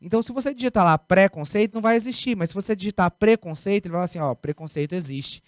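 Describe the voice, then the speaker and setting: A man's voice: high voice, animated, rapid-fire, dry recording, clean studio sound. A man with a Brazilian Portuguese accent teaching grammar in a recorded video lesson, emphatic, repeating key words and asking rhetorical questions.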